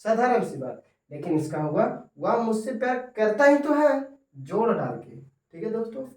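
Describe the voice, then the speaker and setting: A man teaching English grammar in Hindi, repeating each example slowly and often calling his viewers friends. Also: high voice, big pitch swings, far from the mic. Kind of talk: Hindi-medium grammar lesson. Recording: echoey room, voice from off-mic.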